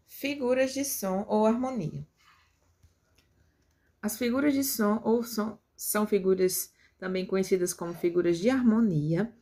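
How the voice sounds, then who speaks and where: A woman's voice: medium pitch, a little slow, dark tone. A woman teaching a grammar lesson, explaining patiently step by step. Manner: explains step by step with tag questions.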